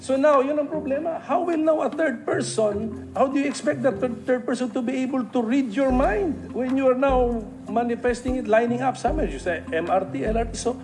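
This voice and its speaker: A man's voice: very high-pitched, fairly quick, music in the background. A man with a Filipino accent asking rhetorical questions at a hearing, switching between English and Tagalog. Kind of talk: hearing remarks.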